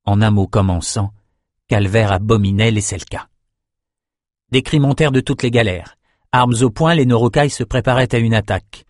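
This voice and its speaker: A man narrating an audiobook in a steady, measured storytelling voice, close to the mic. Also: fairly low pitch, no echo.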